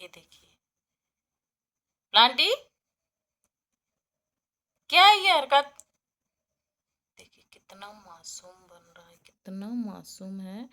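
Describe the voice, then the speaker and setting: A chatty woman speaking, addressing her viewers as friends in a relaxed home vlog. Her tone is tired and homely. Now and then she slips into a high, cooing sing-song voice for her pets. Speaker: vlogger.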